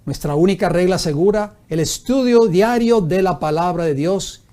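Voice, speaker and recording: A man's voice: high voice, expressive, normal speed, warm tone. A man pastor teaching a Bible study sermon, reading scripture aloud and asking his listeners rhetorical questions.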